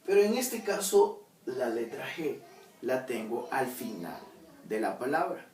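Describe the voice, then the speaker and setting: A man teaching English phonics, sounding out each letter slowly and patiently, repeating sounds and checking in with "okay?" as he switches between two languages to explain. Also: medium pitch, sing-song, a little mellow. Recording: roomy, distant mic, faint background noise.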